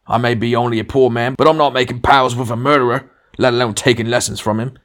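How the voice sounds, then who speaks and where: For a storybook audiobook, a male narrator voices a big, blustering working-class ghost who is sulky, self-righteous and always arguing. The character is pitched higher and louder than the plain narration, brisk and near an everyday voice, with angry, indignant demands breaking into his lines.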